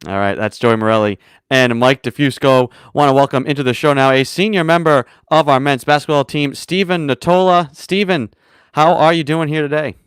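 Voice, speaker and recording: Smooth-voiced talk show host, man. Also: a little high, normal speed, no echo. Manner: chatty storyteller, laughs often. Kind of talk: casual chat and interviewing.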